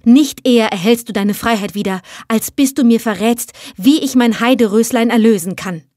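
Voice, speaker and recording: A woman voicing a grieving mother who is desperate and insistent, forceful and pleading in a storybook reading. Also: a little high, moderate pace, no room sound, studio quality, natural voice.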